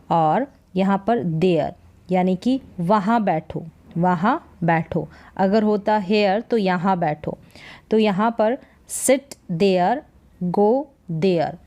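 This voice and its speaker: Slow, patient woman teaching English reading. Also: mid-range voice, warm tone. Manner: repeats words and explains each meaning patiently. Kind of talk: slow step-by-step reading lesson.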